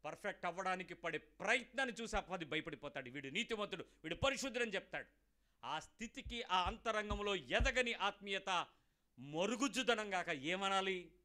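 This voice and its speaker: Bright-voiced preacher. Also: male voice, high voice, animated, normal speed. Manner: emphatic, rhetorical questioning. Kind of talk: Telugu sermon.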